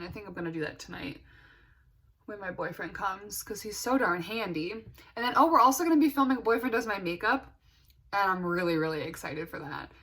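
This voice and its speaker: A woman's voice: medium pitch, a bit bright. A young adult woman chatting casually as a beauty vlogger, talking with retainers in her mouth and thinking aloud informally. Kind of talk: casual chatty get-ready-with-me vlog.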